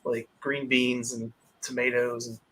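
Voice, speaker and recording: A man's voice: medium pitch, level tone, measured pace, sharp tone, low-quality recording. A man on a video call chatting easily, rambling a bit in small talk. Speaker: panel member. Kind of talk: casual chat.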